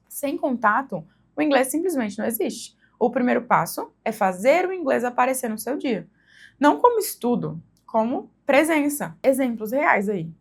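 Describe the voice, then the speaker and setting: A woman speaks in a high, gravelly voice with a breathy edge and a Brazilian Portuguese accent. As an English teacher for mothers, she delivers a conversational, instructional lesson to the camera and frequently checks in using tag questions.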